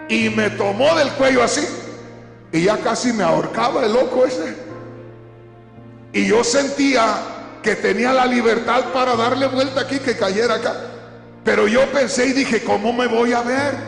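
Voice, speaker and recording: High-voiced gravelly male preacher. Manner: storytelling, dramatic swings between loud cries and slow low preaching. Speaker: pastor. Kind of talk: sermon. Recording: echoey hall with faint music.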